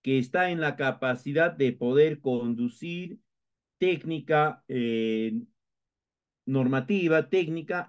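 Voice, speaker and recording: Peruvian man lecturing, muffled recording. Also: mid-range voice. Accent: Peruvian Spanish. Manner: explanatory, with frequent hesitations and restarts. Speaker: instructor.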